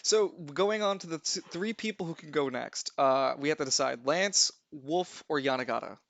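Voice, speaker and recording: A man acts as game master, narrating moves and dice in a casual, informal way with some swearing. His voice sits a little high for a man, and the sound is close and dry. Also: normal speed, a bit bright, no echo. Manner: informal, profane. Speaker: game master of a tabletop role-playing game.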